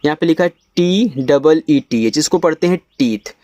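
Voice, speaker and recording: A man from India teaching English reading, spelling each word letter by letter and then sounding it out slowly. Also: fairly high pitch, lively intonation, darkish tone, no room sound. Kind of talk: step-by-step spelling lesson.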